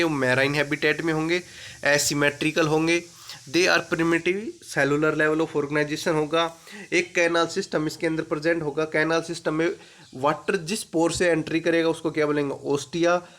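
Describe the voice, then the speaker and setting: A man teaching an exam-prep biology lesson, asking questions and answering them himself, reading English lines slowly and explaining them in Hindi. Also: on the high side, fairly bright tone.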